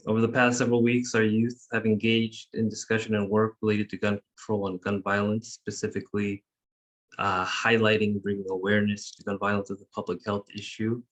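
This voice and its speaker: A man facilitating an online youth meeting, speaking in a measured, formal way as he reads prepared remarks over a video call. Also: lowish voice, fairly bright tone.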